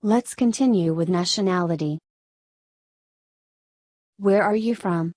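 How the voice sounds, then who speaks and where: A Spanish woman, a native Spanish speaker, explaining Korean grammar in English with a Spanish accent, in steady step-by-step scripted narration. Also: on the low side, unhurried, dry recording. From Spain. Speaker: Korean language teacher.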